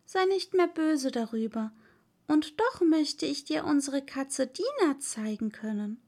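A woman's voice: high voice, lively intonation, unhurried, dark tone, voice pushed up. A woman voicing a polite, curious little girl in a read-aloud story, eager and chatty, sometimes apologetic. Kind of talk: audiobook reading.

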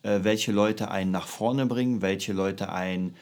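A man's voice: on the low side, steady tone, a little slow, darkish tone. A man co-hosting a casual podcast chat, talking in an agreeing, affirming way. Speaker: podcast co-host.

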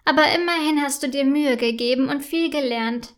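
A woman reading as a gentle caring mum. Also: high-pitched, a little fast, natural voice. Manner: soft, reassuring storybook voice. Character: caring, gentle mother of a schoolgirl.

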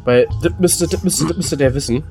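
A man's voice: a little high, a little fast, music in the background. Rambling, laughing man on a podcast. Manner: rambling, thinking aloud with many fillers and laughs. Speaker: podcast co-host, quiz contestant. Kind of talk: casual podcast banter.

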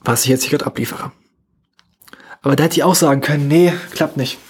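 A young man hosting a motivational solo podcast, talking fast and casually with slightly unclear, run-together speech. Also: mid-range voice, breathy edge. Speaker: podcast host.

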